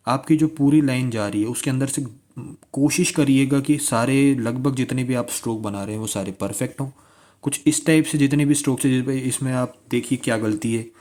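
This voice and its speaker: A man's voice: medium pitch, darkish tone. A man teaching shorthand strokes, repeating key words and asking listeners to pronounce along. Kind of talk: classroom-style tutorial.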